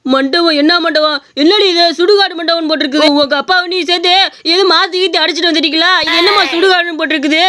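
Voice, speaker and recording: A woman voicing an eager young village man in love, talking in quick exclamations in a cartoon story. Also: very high voice. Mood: bewildered. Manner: excitable, exclaiming. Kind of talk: cartoon voice acting.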